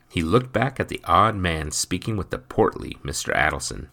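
A man reading a story aloud as narrator, with an expressive, dramatic delivery. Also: low-pitched.

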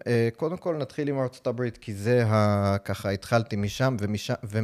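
A man, a native English speaker with an American accent, hosting a podcast interview in a halting way, with frequent drawn-out hesitations. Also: mid-range voice, darkish tone. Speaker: podcast host.

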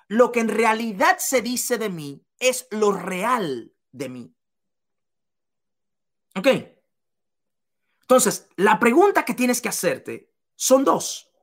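Slow, emphatic woman speaker. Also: on the high side. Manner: emphatic, repeats key phrases, addresses listener directly. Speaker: motivational speaker for business leaders. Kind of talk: motivational seminar talk.

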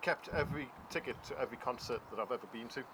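A man's voice: medium pitch, fast. A middle-aged man with a County Durham accent from North East England, bantering casually and jokily. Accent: County Durham, North East English. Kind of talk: casual chat. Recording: noisy outdoor street with traffic.

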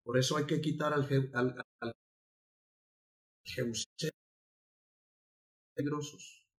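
A man's voice: mid-range voice, steady tone, takes it slowly. Fervent preacher man. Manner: emphatic preaching with repetition and sudden loud outbursts. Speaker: pastor. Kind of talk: sermon. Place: church altar.

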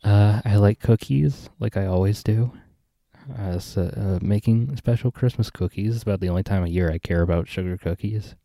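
Low, mellow-voiced laid-back man. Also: moderate pace, creaky, dry recording. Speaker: podcast host reading prompts. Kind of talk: casual comedic chat.

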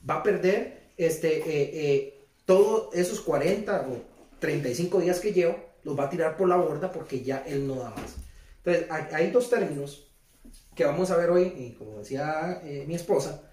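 A man's voice: fairly high pitch, lively intonation, normal speed, a little mellow. A man preaching a conversational sermon who keeps asking his listeners questions and repeats his phrases. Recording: roomy, distant mic.

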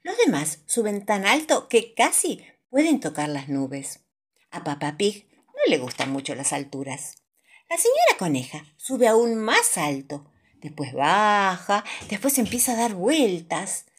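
A woman with a Rioplatense accent reading children's stories aloud in an expressive, sing-song way. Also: medium pitch, a little slow, slightly rough. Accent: Rioplatense Spanish. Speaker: storyteller.

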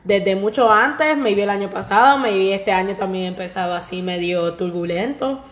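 A woman's voice: medium pitch, normal speed, fairly bright tone. A woman in her twenties with a Puerto Rican accent, co-hosting a podcast in casual chat, laughing often and slipping English words into her talk. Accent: Puerto Rican Spanish. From Puerto Rico. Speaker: podcast co-host. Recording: roomy echo.

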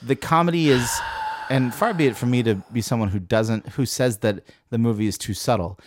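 A man's voice: medium pitch, a little fast, noisy background. A man in casual conversation, critiquing a film and acting out lines from it. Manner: animated, mimics film characters in asides. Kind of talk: casual movie review chat.

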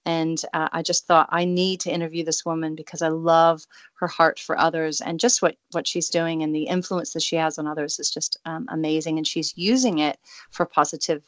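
A woman hosts a radio interview in a bubbly, gushing way, full of fillers and quick laughs. Her voice sits a little low for a woman, and the sound is dry and close, with no room around it. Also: fairly bright tone, dry recording. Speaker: radio show host. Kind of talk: casual interview.

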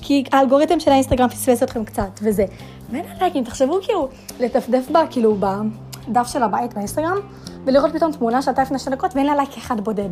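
A woman's voice: high voice, expressive, a little mellow, soft background music. A young woman hosting a casual solo podcast, chatty and full of fillers, piling up dramatic rhetorical questions. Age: young adult. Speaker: podcast host.

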